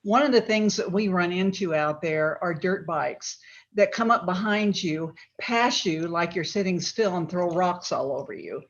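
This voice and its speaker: A woman's voice: fairly low pitch, measured pace. Chatty woman on a muffled call. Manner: rambling, with many ums and a chuckle. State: talking while eating. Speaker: resident speaking at a town forum. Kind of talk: casual public comment. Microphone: home computer mic on a video call. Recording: muffled lo-fi video call audio.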